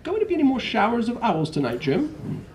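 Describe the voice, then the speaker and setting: A man's voice: very high voice, huge pitch swings, darkish tone, slight background noise, voice pushed up, exaggerated voice. A man voicing a formal TV newscaster reading an odd story, in a read-aloud storybook. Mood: newsy. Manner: measured news-reading delivery.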